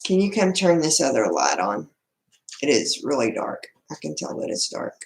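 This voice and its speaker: A woman's voice: low-pitched, big pitch swings, moderate pace, creaky. A woman with a Southern US accent chatting casually and folksily as the host of a home livestream. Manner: folksy, informal. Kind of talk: casual live-stream chat, greeting viewers. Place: indoor room at home. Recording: echoey room, laptop livestream.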